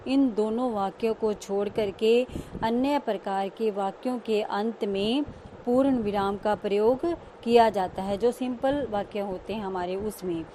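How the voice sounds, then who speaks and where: Woman teacher, unhurried, patient explainer, faint traffic in background. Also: medium pitch, dark tone. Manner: slow, explains each term and repeats it. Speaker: school teacher. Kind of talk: online grammar lesson.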